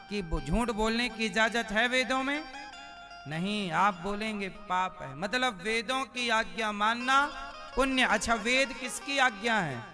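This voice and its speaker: A male preacher giving a sermon, putting rhetorical questions to his listeners. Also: high-pitched. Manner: asks the audience rhetorical questions. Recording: music playing under the voice.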